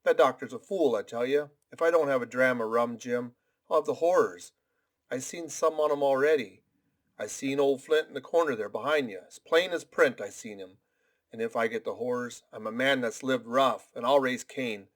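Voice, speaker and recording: A man voicing a sick, desperate old sea captain who pleads and curses in rough sailor talk. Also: mid-range voice, moderate pace, natural voice. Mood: blustering.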